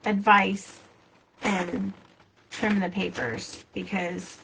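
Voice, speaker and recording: The quilting shop host, an adult with a child, chats casually to herself and her viewers during a live sewing demonstration. She speaks extremely slowly in a creaky, medium-pitched voice with a level tone, against background noise.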